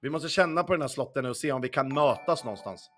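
Expressive and fairly bright in a mid-range voice, a young man chats casually on a livestream while playing casino games. He responds to viewers as he goes, swears often and hums along with quiet background music.

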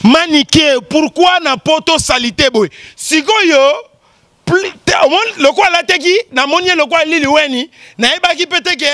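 A man with a very high, bright voice hosts the show with lively commentary. He teases and jokes, often stopping to exclaim and laugh. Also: moderate pace, dry recording, clean studio sound. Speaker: show host. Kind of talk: animated commentary.

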